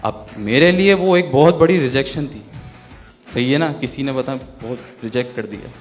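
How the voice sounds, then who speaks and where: A young man performing a self-deprecating stand-up set on a university stage, swinging between loud bursts and hushed asides. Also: medium pitch, moderate pace, faint music behind. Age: young adult. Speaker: stand-up comedian. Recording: live stage in a reverberant hall.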